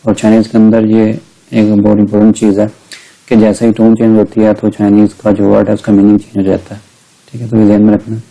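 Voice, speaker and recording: A middle-aged man giving a recorded language lecture, patiently explaining step by step and slowly modelling each sound. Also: fairly low pitch, monotone, vocal fry, dark tone, rough recording. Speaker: language teacher.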